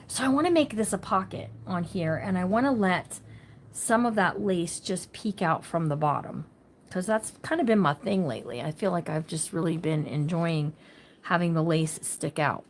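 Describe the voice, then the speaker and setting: A woman's voice: fairly low pitch, moderate pace, a little hiss or hum. Chatty woman hosting a craft livestream. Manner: chatty, talks to viewers by name, thinks aloud; says she talks loud. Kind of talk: casual craft livestream chat.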